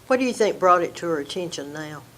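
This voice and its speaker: A woman interviewer asking calm, informative questions about her guest's background. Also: on the low side, quick pace, slight background noise.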